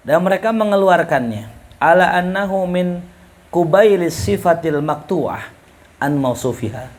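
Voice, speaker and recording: A man teaching a class in a relaxed, joking way, reading Arabic lines and explaining them with questions to students. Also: fairly high pitch. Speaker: ustadz teaching Arabic rhetoric. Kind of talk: casual classroom lecture.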